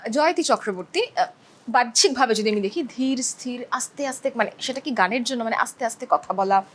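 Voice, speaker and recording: A woman interviewer asking familiar, halting questions with many fillers. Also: a little high, animated, slight background noise. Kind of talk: casual interview.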